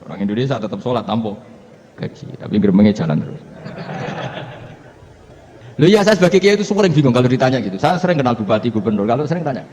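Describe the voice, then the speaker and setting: A man's voice: medium pitch, very animated, quick pace, pauses often, a little mellow. A male Islamic cleric with a Javanese accent, giving a humorous religious lecture through stories and chuckling often. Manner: storytelling, chuckling, mixing in local words. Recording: dull lo-fi recording with faint hiss.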